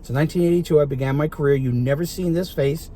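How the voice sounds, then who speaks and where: A man's voice: a little high, quick pace, warm tone, a little hiss or hum. A man with a Brooklyn accent, chatting casually as an interview guest and telling stories in a car. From Brooklyn, New York. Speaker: guest chef and TV product presenter. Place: inside a parked car.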